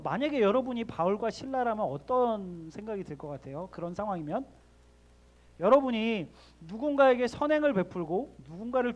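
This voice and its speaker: A man's voice: high voice, darkish tone, dull audio. Man preaching to a youth group. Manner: asks the listeners direct questions; leads the group in reading scripture. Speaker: youth pastor. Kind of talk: sermon to middle schoolers. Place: church sanctuary.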